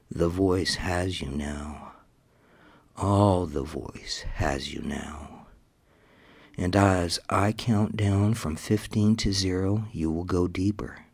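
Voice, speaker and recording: A man leading a scripted hypnosis session in a commanding, hypnotic manner, slipping into whispers at times. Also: deep voice.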